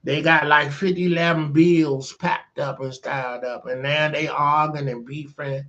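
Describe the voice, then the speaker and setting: A man's voice: on the high side, fairly even intonation, a little slow, fairly bright tone, lo-fi sound. A man casually retelling a movie plot and giving his opinion, in a laid-back, slangy, rambling way. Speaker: host.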